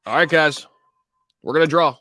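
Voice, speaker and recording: A man's voice: on the high side, normal speed, bright, forceful tone, slight background noise. A man hosting a casual crypto livestream, talking to viewers in hyped, slangy crypto bro style.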